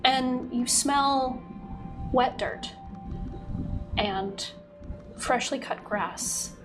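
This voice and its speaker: Woman, high pitch, game master, descriptive halting narration, tabletop game, music behind. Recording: background music.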